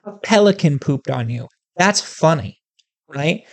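A video host rants comedically to the audience in a middle-pitched, creaky voice, taking an unhurried pace. Even so, the talk is profane, emphatic, and full of animated, worked-up energy.

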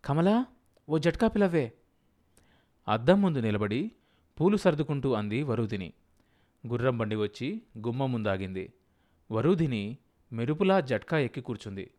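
A man narrating an audiobook in a steady storytelling manner. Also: mid-range voice, moderate pace, long pauses. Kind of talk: scripted narration.

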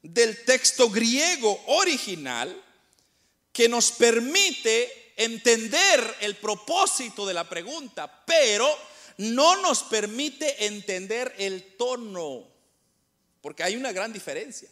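A man's voice: extremely high pitch, very animated, takes it slowly, bright, forceful tone. A middle-aged male preacher delivering a sermon, speaking to the congregation as brothers with rhetorical questions and repeated words.

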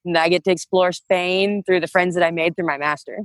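Young American woman guest, lowish voice, close dry sound, swears. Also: a little fast, no echo. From United States. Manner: animated, swears freely. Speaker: podcast guest. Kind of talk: casual chat.

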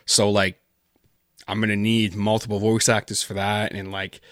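A man's voice: on the low side, little pitch movement, normal speed, fairly bright tone, no room sound, clean studio sound. A man guest chatting casually in an interview, rambling with lots of fillers. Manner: rambling, heavy on fillers like "like" and "kinda". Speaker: podcast guest, horror story writer. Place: based in Canada.

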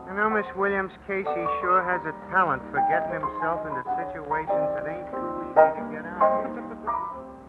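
High-voiced folksy counterman. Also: expressive, normal speed, phone-quality sound, loud music behind the voice. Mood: bemused. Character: nosy, folksy male lunch-counter man, slangy and good-natured. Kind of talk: old-time radio drama acting. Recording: very thin old radio recording.

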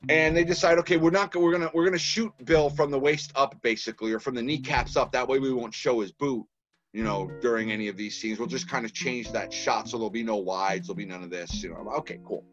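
Talking fast in a mid-range voice, a Boston-accented filmmaker from Massachusetts spins stories as a podcast guest, animatedly acting out what people said. Soft music sits beneath the dull audio of this casual conversation.

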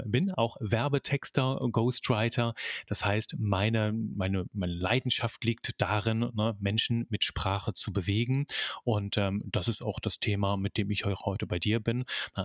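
A Belgian-born man in his thirties, a podcast guest and copywriter, talking in a lively, casual storytelling way. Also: fairly low pitch, dry recording, studio quality. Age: 30s. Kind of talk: podcast interview.

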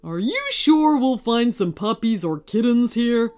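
A woman's voice: on the high side, animated, unhurried, darkish tone. A woman voicing a dim-witted, timid male burglar in a storybook reading, whiny and stammering.

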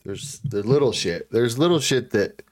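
A man's voice: mid-range voice, lively intonation, normal speed. A man co-hosting a podcast with casual banter, dropping in short joking remarks. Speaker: podcast co-host.

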